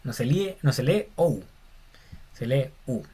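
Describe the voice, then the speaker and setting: A man's voice: medium pitch, animated, moderate pace, dark tone. A man teaching a Bible Greek lesson, explaining step by step in an informal, friendly way and calling listeners "hermano". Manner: casual, addresses listeners as "hermano", many fillers. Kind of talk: informal lecture.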